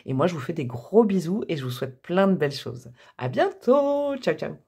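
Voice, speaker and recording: A woman's voice: low-pitched, expressive, brisk, gravelly, mellow, husky. A woman giving a casual tarot reading to camera, chatty and thinking aloud with many fillers and small laughs. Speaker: tarot reader.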